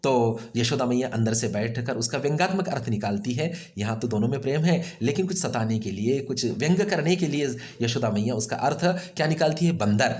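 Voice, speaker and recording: A male teacher with a medium-pitched voice explains a grammar lesson step by step. He poses questions and answers them himself, repeating key phrases over and over. When he acts out a quote, his pitch jumps up sharply. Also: animated, fairly quick, few pauses, darkish tone.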